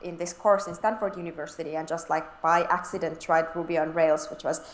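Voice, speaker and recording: Young woman, chatty guest, lower voice, laughs a lot, roomy echo. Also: steady tone, fairly quick. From Finland. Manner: chatty, laughing often, many fillers and restarts. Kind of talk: casual interview chat.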